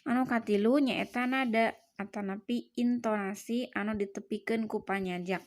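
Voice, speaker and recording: A woman's voice: a little high, steady tone, moderate pace. A woman teacher with a Sundanese accent giving a lesson, explaining each point and then repeating it more simply. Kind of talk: classroom lesson.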